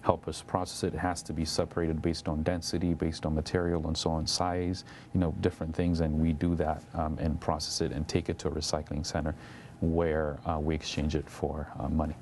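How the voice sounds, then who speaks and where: Very deep-voiced hesitant young man. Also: little pitch movement, a little fast, few pauses, darkish tone, slight background noise. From Eritrea, raised in Ethiopia. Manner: hesitant, many fillers and restarts. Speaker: interview guest. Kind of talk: TV interview.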